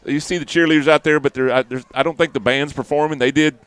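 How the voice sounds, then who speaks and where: Folksy announcer, rambling and relaxed, casual play-by-play chat from a press box. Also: male voice, fairly high pitch, quick pace, smooth, no echo. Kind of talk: casual game broadcast chat.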